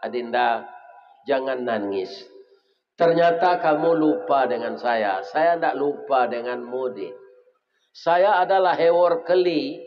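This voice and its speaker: A man with a Minangkabau accent voicing a kind, gentle young doctor who speaks softly and tenderly. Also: mid-range voice, recorded from a distance, a little hiss or hum, lightly acted. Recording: reverberant hall, dull lo-fi sound.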